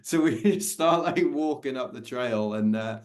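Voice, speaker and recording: A middle-aged man from London with a London accent, a podcast guest telling lively anecdotes and acting out quoted voices. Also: mid-range voice, a little slow. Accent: London English. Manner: animated anecdotes, acts out quoted voices, laughs often. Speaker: podcast guest, ultra endurance runner. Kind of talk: casual storytelling interview.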